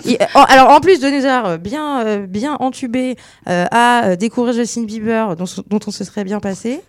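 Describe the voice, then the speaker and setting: A woman's voice: a little high, a little fast, dry recording. A woman co-hosting a casual radio quiz, chatty and opinionated with lots of hesitation. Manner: chatty, many fillers and restarts, opinionated. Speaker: radio show co-host and quiz player.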